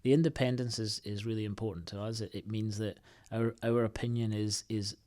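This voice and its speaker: Man, lowish voice, interview guest, halting, restarts a lot, thoughtful. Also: fairly even intonation, a little mellow. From United Kingdom. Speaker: podcast guest, IT consultancy co-founder. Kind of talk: casual interview answers.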